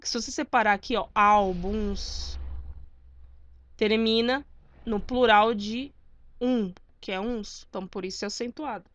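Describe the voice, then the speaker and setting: A woman's voice: on the high side, fairly even intonation, moderate pace, dry recording, lo-fi sound. A woman teaching spelling rules at a board, in a didactic way that keeps checking in with her students. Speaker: Portuguese grammar teacher.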